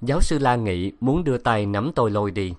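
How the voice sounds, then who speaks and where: A man reading a novel aloud as narrator, in calm, even storytelling. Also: medium pitch, a little fast. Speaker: audiobook narrator. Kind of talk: scripted narration.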